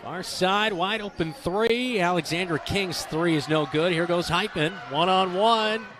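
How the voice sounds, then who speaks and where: Excitable man calling high school basketball. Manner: brisk, excitable calls with joking banter. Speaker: play-by-play announcer. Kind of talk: basketball play-by-play commentary. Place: high school gym broadcast. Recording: broadcast with loud gym noise behind.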